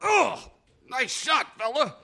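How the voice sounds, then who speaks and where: A man's voice: very high voice, very animated, slow pace, vocal fry, noisy background, full character voice. A man playing a short-tempered, ruthless gangster boss in a comic 1920s audio drama, tough and slangy. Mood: menacing.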